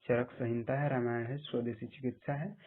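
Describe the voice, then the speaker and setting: A man with a husky voice giving plain step-by-step instructions in a screen-recorded app tutorial. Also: medium pitch, flat delivery, brisk, slight background noise. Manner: plain step-by-step instructions, often saying "dekhiye". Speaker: tutorial presenter. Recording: tinny phone-like audio.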